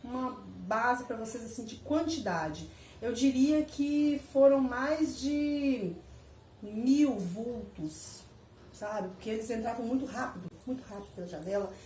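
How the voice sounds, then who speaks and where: A woman casually telling her viewers a personal story, animated and repetitive, laughing as she goes. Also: on the high side, a little slow, a little hiss or hum. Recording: echoey room, mic at a distance.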